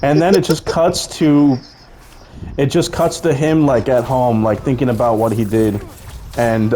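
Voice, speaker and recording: A man's voice: mid-range voice, dark tone. Young man, casual storyteller, rambling and swearing, faint hiss behind him. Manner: rambling, profane, laughing at his own story. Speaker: storyteller pitching a film idea.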